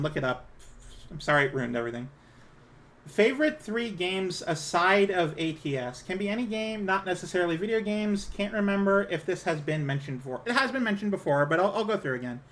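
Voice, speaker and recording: A woman with a low-set feminine voice chatting casually on a livestream, hesitant, apologetic and self-conscious in her manner. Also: animated, normal speed, fairly bright tone. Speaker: live streamer.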